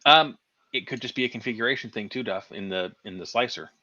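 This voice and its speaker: A man's voice: fairly low pitch, quick pace, pushed and bright, no room sound. A man co-hosting a casual live stream, making dry jokes and reading out chat comments. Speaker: livestream co-host. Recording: dull lo-fi stream audio.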